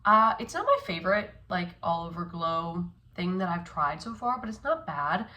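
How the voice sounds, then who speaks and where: A woman's voice: on the low side, sing-song, moderate pace, sharp tone. Sick-sounding chatty young woman. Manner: chatty, upbeat, lots of likes and ums. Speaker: beauty vlogger. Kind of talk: casual vlog chat.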